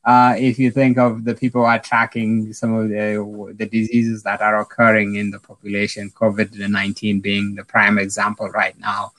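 Low-voiced guy from south sudan, epidemiologist being interviewed, lots of um and restarts, dry sound. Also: completely flat delivery, a bit bright, no echo, rough recording. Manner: halting, many restarts and fillers. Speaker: epidemiologist guest. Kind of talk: interview answers.

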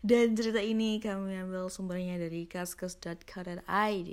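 A woman's voice: fairly low pitch, level tone, normal speed. A woman who hosts a horror story show, reading aloud as a narrator. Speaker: host and reader of an online horror story show.

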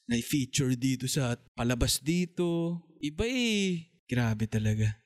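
A man's voice: medium pitch, lively intonation, measured pace. A man hosting a talk show in a playful, teasing casual chat. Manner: teasing, joking, plays skits. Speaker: podcast host.

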